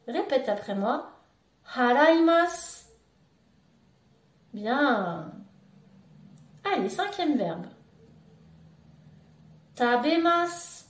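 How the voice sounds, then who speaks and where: A woman teaching a beginner Japanese lesson in French, slowly and patiently repeating each word for the learner to say after her. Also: high-pitched, far from the mic. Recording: roomy echo, voice a bit off-mic.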